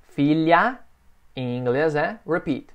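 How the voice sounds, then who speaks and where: Brazilian male English teacher for beginners, patient and repetitive, voice sits a bit high. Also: animated, smooth. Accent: Brazilian Portuguese. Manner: patient, drills phrases with slow spoken models. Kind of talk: online English lesson for beginners.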